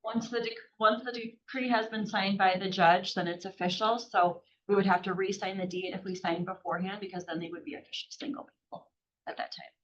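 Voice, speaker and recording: A woman from a title company calmly explaining legal procedures to a team. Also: mid-range voice, brisk. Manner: matter-of-fact, explanatory. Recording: dull muffled room audio.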